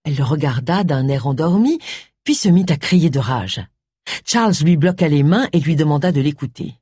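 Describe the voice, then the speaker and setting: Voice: mid-range voice, animated, normal speed, dark tone, husky, dry recording, clean studio sound. A reader narrating a story expressively, giving each character a voice. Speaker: audiobook reader. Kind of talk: scripted narration.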